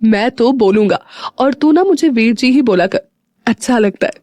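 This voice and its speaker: A woman's voice: fairly high pitch, animated, normal speed, warm tone, no echo, close to an everyday voice. A woman voicing a teasing, protective older brother. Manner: teasing, fond.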